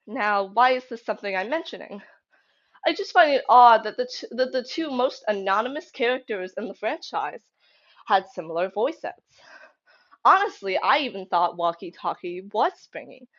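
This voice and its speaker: A young woman who makes fan theory videos talks in a high, slightly bright, very animated voice at a moderate pace. Her commentary is casual, emphatic, and conversational as she thinks aloud, recorded lo-fi at home with a slightly dull sound.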